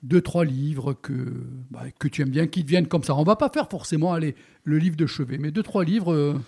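High-voiced jovial male radio host. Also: brisk, warm tone, slightly rough. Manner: jovial, laughs often, chatty asides. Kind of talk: radio interview with a questionnaire.

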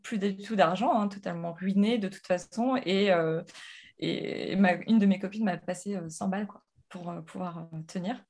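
A woman in her thirties from France, a guest entrepreneur telling her story in a casual interview, animated and full of fillers and restarts. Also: mid-range voice, normal speed.

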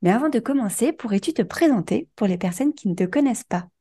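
A woman hosting a podcast, asking her guest friendly questions in a gentle, conversational way. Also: a little high, expressive, quick pace, slightly rough. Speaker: podcast host. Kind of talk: casual interview.

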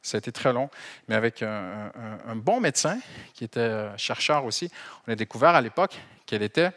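A middle-aged Canadian French pastor preaches a sermon to his congregation. He talks in an animated, conversational way. He slips humor and small repetitions in among his points. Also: medium pitch, brisk, slight background noise. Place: church hall.

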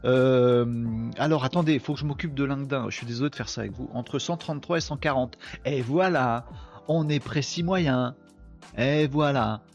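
A man's voice: mid-range voice, a little fast, a little mellow, soft background music. A man from northern France with a northern French accent, hosting a live podcast stream and chatting casually with viewers in a rambling, joking way.

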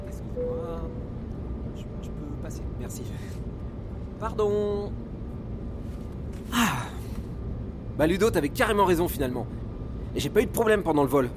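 A man's voice: on the high side, animated, normal speed, long pauses, noisy background, lightly acted. An actor playing a naive, hapless young man who keeps having bad luck. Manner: naive, plaintive, shouting in panic. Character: hapless young male drug mule, endlessly unlucky.

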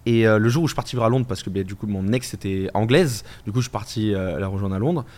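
A man hosting a casual chat, talking in a relaxed, rambling way with hesitations. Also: fairly low pitch, fast.

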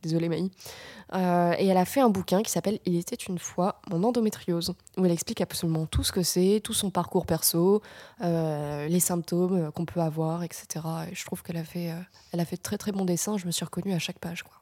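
A woman in her twenties talks casually as a podcast guest, slowing down with fillers as she searches for words. Her voice sits a little low and the recording is dry and close. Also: no echo. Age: 20s. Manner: relaxed, hesitant with many fillers. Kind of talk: casual chat.

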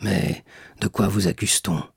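A man voicing an aged male prisoner, grave and weary, speaking low through a wall in a raspy, gravelly voice. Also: fairly even intonation, normal speed, no room sound, clean studio sound, exaggerated voice. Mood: terse. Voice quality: low, sepulchral, muffled. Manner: questioning, terse, then despairing.

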